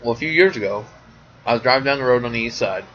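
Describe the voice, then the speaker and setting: A man hosting his own show, telling stories in a rambling, animated casual monologue. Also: medium pitch, quick pace, slight background noise. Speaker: podcast host. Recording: dull lo-fi sound.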